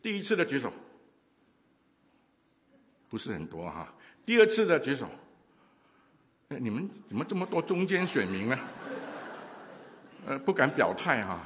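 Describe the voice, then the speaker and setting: A man preaching a sermon, telling a story with lively acted-out voices and many hesitations. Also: medium pitch, moderate pace, long pauses, long reverb tail.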